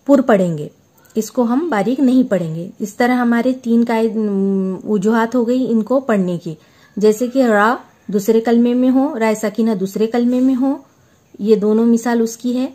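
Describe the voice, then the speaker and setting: A woman teaching Quran reading in a step-by-step lesson, patiently repeating letters slowly so they can be memorized. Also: fairly high pitch, darkish tone.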